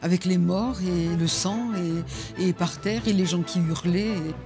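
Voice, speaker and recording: A woman's voice: lowish voice, measured pace. An older woman recounting personal testimony as an eyewitness. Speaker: widowed eyewitness. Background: faint music.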